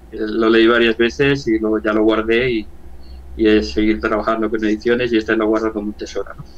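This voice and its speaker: Earnest older Spanish man, halting. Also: medium pitch, muffled recording. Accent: Spain Spanish. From Valencia, Spain. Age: 60s. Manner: earnest, halting, often repeats words. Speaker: interview guest, church member. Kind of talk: personal testimony in an interview.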